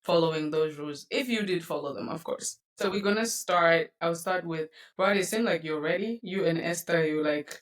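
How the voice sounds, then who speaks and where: A woman from Congo hosts a casual podcast conversation, her voice a little lower than most and set slightly back from the microphone. She laughs easily between her lines. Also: normal speed, hardly any pauses, distant mic. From Democratic Republic of Congo. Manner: laughs often while talking. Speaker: podcast host.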